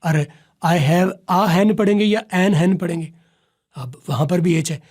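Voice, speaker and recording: A man gives an English pronunciation lesson, explaining step by step and drawing out example words slowly. His voice sits fairly high, with a husky, mellow tone. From Pakistan. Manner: explains patiently, repeating examples slowly and asking "right?". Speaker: English teacher. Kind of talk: spoken English lesson in Urdu.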